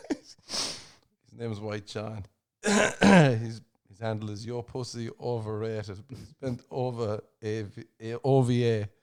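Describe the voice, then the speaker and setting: A man's voice: fairly low pitch, darkish tone. A man hosting a comedy podcast in casual chat. He swears freely, laughs often and reads tweets aloud. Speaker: podcast host.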